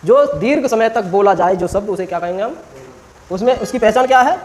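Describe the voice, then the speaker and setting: A man's voice: high voice, animated, a little fast, a little mellow, rough recording. A man teaching a classroom grammar lesson, quizzing students with short questions and stretching vowels out to demonstrate.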